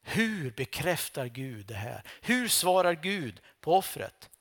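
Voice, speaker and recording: A man preaching a sermon, retelling scripture with dramatic storytelling, swinging between loud outbursts and hushed lines. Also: a little high, sing-song.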